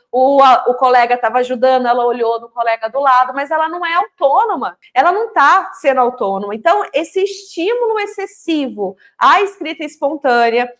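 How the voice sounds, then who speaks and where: A woman explaining literacy teaching with movable letters to teachers and parents, speaking directly to viewers. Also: high voice. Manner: explanatory, addresses viewers directly, acts out teacher-child dialogue. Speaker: literacy educator.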